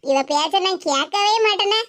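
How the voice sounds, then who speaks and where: A woman voicing a shrewd older mother-in-law in an animated cartoon, with a Kanyakumari Tamil accent and a scolding, teasing manner. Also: very high-pitched, normal speed. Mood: confiding. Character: shrewd older mother-in-law, sharp-tongued but kind.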